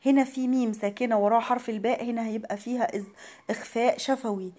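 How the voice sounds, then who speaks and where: A woman with an Egyptian accent and a fairly high, mellow voice, teaching recitation. She stretches each chanted verse out slowly and carefully, then switches to brisk, patient explanations of the pronunciation rules. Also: steady tone. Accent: Egyptian Arabic. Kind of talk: tajweed lesson, slow chanted recitation between quick explanations.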